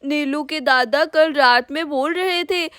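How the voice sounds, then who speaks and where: A woman's voice: high voice, measured pace, fairly bright tone, no echo, studio quality. A woman doing a fussy old grandmother. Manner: grumbling, scolding. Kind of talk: doll cartoon storytelling.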